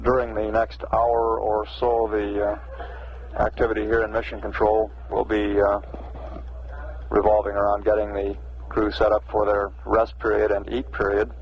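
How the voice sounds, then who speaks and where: Flat, creaky American mission announcer, noisy archive audio. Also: male voice, fairly low pitch, lo-fi sound. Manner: measured, hesitant, matter-of-fact. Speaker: mission control public affairs announcer. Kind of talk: live spaceflight status commentary. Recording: noisy band-limited 1960s mission radio archive.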